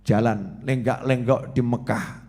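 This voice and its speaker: A man, preaching a religious study sermon with animated storytelling and acted-out quotes. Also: unhurried. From Indonesia. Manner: animated storytelling, acts out quotes with shifting pitch and loudness.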